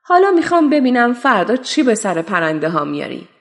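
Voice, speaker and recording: A bold farmyard rooster, played by a woman for a children's storybook, confident and reassuring. The voice is fairly high and carries a long, ringing reverb. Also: big pitch swings.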